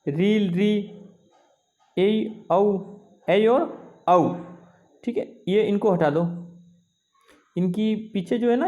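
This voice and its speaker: This Hindi-speaking man from India, whose voice is high and warm, teaches Sanskrit in a classroom. He explains slowly, lengthens vowels to show their duration, and repeats "है ना" and "ठीक है" to check comprehension.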